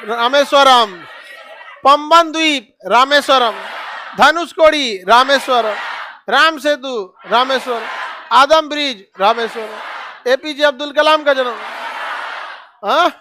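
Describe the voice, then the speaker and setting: A male teacher running an online map class, drilling facts in quick call-and-response and repeating each answer. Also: extremely high pitch, background noise.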